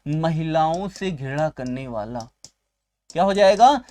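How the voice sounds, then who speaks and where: At a measured pace, a man with a fairly high, mellow voice and lively intonation teaches exam-prep vocabulary at a writing board in a class video. He addresses his students fondly, repeats key words, and answers the questions he puts to them.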